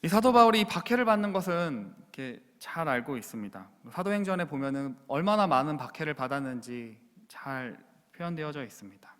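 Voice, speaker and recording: A man's voice: on the high side, lively intonation, a little fast, hardly any pauses, a bit bright. A man preaching a sermon as pastor in a church, earnestly putting questions straight to the congregation. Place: church sanctuary. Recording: long church reverb.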